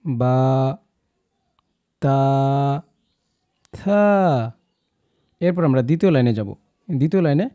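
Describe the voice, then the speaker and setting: A young man teaching the Quranic alphabet, encouraging his listeners and drawing out each letter slowly. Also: medium pitch, warm tone. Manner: encouraging, slow drawn-out recitation of letters.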